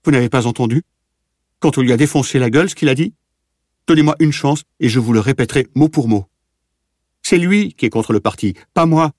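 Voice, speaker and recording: A man voicing a starving, terrified male prisoner in an audiobook, begging desperately in a shrill voice. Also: expressive, brisk, few pauses, slightly rough, no room sound, clean studio sound. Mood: frantic. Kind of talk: audiobook reading.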